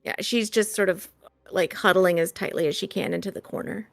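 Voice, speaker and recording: A woman narrating as game master in a tabletop game, in a relaxed, hesitant way. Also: medium pitch, a little fast, no echo.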